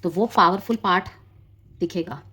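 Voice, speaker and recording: Lower-pitched woman reading tarot. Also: moderate pace, pushed and bright, slight background noise. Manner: explanatory, addresses viewers directly, drifts between Hindi and English. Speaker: tarot reader.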